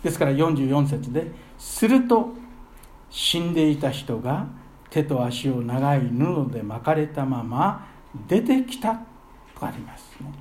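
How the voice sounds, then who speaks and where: Earnest preaching man, slightly high voice. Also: sing-song, measured pace. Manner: earnest, swells loudly on key phrases. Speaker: pastor. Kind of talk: sermon.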